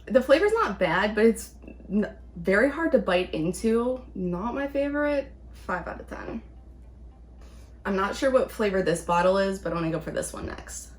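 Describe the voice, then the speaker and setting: A woman's voice: medium pitch, lively intonation, normal speed. A woman chatting casually as she reviews things in a taste-test vlog. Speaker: vlog host, candy reviewer.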